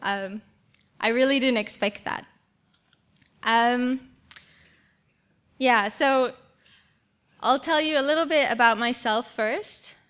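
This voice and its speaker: Young woman in her 20s, slow and smooth, relaxed guest talk in church hall, stand mic. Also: fairly high pitch. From Switzerland, raised in Singapore. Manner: friendly, relaxed, laughs easily. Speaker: guest speaker. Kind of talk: church talk about mission work.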